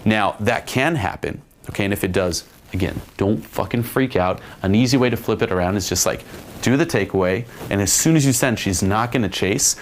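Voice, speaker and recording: A man teaching dating tactics in a slightly low voice. He talks bluntly and casually and swears freely. There is a faint hiss behind him. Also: brisk. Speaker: dating coach. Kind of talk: instructional monologue.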